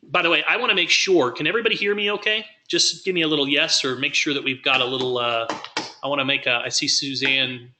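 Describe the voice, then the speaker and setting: Bright-voiced man telling his story. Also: a little high, fairly even intonation, fast talker, a little hiss or hum. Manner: folksy storytelling, acts out quoted voices. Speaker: workshop speaker. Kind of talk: motivational talk, personal story.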